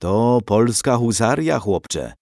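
A man's voice: medium pitch, lively intonation, slow pace, vocal fry, darkish tone, no room sound, studio quality. A man voicing an older townsman who explains things plainly to a boy in a storybook tale. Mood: earnest. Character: calm older townsman, knowing.

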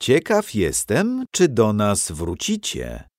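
A man's voice: fairly low pitch, wildly swooping pitch, takes it slowly, no room sound, studio quality, exaggerated voice. A man doing a stern, lecturing monk teacher. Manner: strict, lecturing.

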